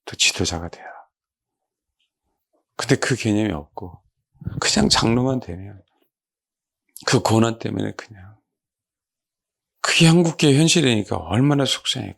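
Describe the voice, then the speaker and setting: A man preaching a sermon as a pastor. He asks his congregation rhetorical questions and softly repeats key words. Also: on the low side, vocal fry, slightly rough. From South Korea. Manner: lively, exclaiming.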